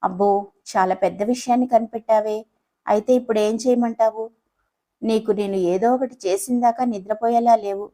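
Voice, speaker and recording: A woman's voice: on the high side, fairly even intonation, normal speed, mellow, natural voice. A woman voicing a playful, teasing young husband in a romantic audio story, speaking affectionately.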